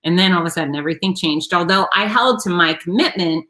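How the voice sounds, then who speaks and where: A woman's voice: on the low side, fast talker, sharp tone, low-quality recording. A woman being interviewed as an author, telling her story frankly and expressively, often restarting her sentences.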